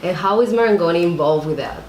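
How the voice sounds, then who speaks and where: A woman's voice: fairly low pitch, animated, quick pace, a little mellow. A woman interviewer asking casual questions with frequent fillers. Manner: casual, laughs often, fillers like "like". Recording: echoey room, faint noise.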